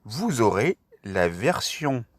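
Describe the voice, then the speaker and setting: Slow-paced man narrating an app tutorial. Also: medium pitch, sing-song, dry recording. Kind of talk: step-by-step screen tutorial narration.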